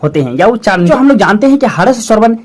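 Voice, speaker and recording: A teacher giving a grammar lesson to schoolchildren, often calling them children and friends and repeating each definition twice in a slow, steady way. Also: mid-range voice. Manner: calls students 'children' and 'friends' often.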